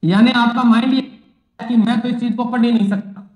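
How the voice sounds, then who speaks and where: A man lectures like a coaching teacher and drills students by repeating each phrase several times. His voice sits very high for a man. The room around him is echoey. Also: fairly even intonation, a little fast, darkish tone. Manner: repetitive, drills phrases, asks and answers own questions. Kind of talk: exam-prep classroom lecture.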